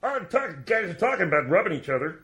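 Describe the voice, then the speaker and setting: A man's voice: high-pitched, big pitch swings, fast talker, bright, forceful tone, faint music behind, exaggerated voice. A man playing a timid, frightened studio sidekick in radio comedy, speaking hesitantly.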